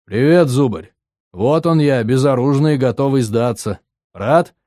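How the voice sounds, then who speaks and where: A man voicing a calm, blunt male fighter who speaks flatly and growls when angered. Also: medium pitch, measured pace, no room sound, clean studio sound, close to an everyday voice. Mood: mocking. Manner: flat, indifferent, then growling.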